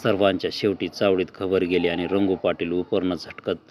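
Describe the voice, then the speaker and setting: A man reading a short story aloud at a steady, measured pace. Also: low voice, a little hiss or hum.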